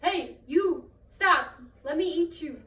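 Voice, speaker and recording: A woman voicing a hungry, shouting female neighbor as a character in a trickster folktale. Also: high-pitched, expressive, slow, voice pushed up, exaggerated voice. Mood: hungry, demanding. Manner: shouting demands. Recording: roomy, distant mic, faint noise.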